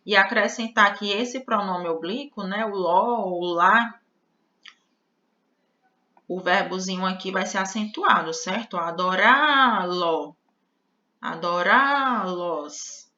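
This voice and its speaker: A woman's voice: mid-range voice, a little slow, long pauses, pushed and bright. A Brazilian woman with a Brazilian Portuguese accent teaching an online grammar lesson, explaining patiently and checking in with her viewers often. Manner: explanatory, addresses viewers as "gente", frequent "né?" and "ó". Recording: slightly dull lo-fi audio.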